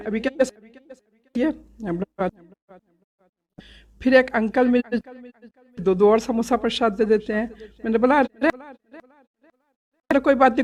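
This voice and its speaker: A middle-aged woman telling a devotional story from a satsang visit, animated and laughing, acting out many quoted exchanges. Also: on the high side. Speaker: devotee sharing a satsang experience. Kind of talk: storytelling testimony.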